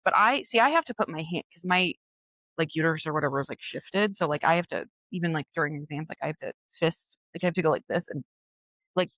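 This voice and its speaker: Bright-voiced thirty-something woman, podcast cohost, tells stories big, does the voices, dry sound. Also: deep voice, fast talker, no echo. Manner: lively, vivid storyteller, acts out voices. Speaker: podcast co-host. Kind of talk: casual chat.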